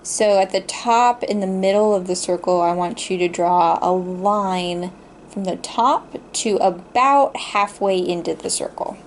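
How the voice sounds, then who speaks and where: A woman chatting casually during a pictionary guessing game, giving drawing instructions and pausing to search for words. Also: mid-range voice, slight background noise. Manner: halting, pauses to search for words.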